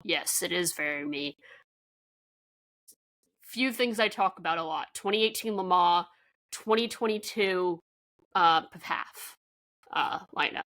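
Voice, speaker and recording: A woman's voice: lowish voice, slow pace, pauses often, fairly bright tone. A woman co-hosting a podcast in casual chat, easygoing and laughing often. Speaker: podcast co-host.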